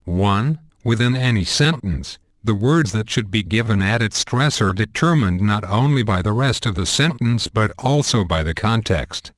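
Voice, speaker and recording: A man with a fairly low voice reads a teaching text in a measured, deliberate way. The delivery is earnest and carefully paced. The recording is dry and close, with no room sound. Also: animated, no room sound. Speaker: narrator. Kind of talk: scripted instructional narration.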